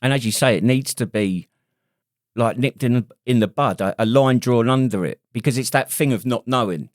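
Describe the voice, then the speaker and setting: A man's voice: medium pitch, normal speed, no echo, studio quality. A man who is an army veteran co-hosting a podcast, easygoing and steering the chat with questions. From Britain. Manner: easygoing, leads the conversation with questions. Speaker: podcast co-host. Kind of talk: casual chat.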